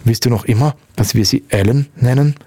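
A man voicing a nervous young mother in a hospital bed, fretful and quick to panic. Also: mid-range voice, dark tone, slightly rough, no room sound. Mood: uneasy. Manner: nervous, turning hysterical.

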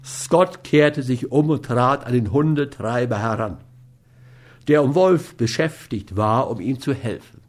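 A man reading a novel aloud as narrator in a measured, storytelling manner. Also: mid-range voice. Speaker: audiobook reader. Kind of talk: scripted narration.

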